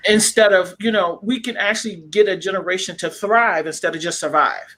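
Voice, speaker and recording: A man with a fairly high voice speaks on a panel discussion. He is passionate and emphatic, and he drops into quick acted-out lines from family members to make his points. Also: pushed and bright. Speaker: panel guest.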